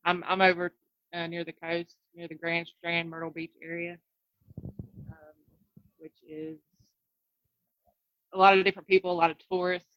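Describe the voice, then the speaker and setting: A woman with a rural Carolina accent and folksy country drawl, chatting casually in a soft, nervous, hesitant voice as a call-in guest. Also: on the low side, flat delivery, normal speed, pauses often, no room sound, dull audio. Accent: Southern US, rural Carolina. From North Carolina, US. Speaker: guest calling in to a live show. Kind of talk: casual chat.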